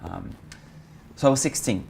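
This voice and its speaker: A man from Brazil, speaking as an interview guest in an open, expressive way and swearing casually. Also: fairly low pitch, normal speed, creaky, a little hiss or hum. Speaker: guest, meditation teacher and coach. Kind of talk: candid interview chat.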